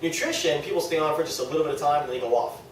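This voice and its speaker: At a direct-sales team meeting, a man with a New England accent and a slightly high voice delivers a rapid-fire, informal motivational talk to a small group. He's self-deprecating and keeps checking in with them, sounding set back from the mic in a very echoey room with faint noise.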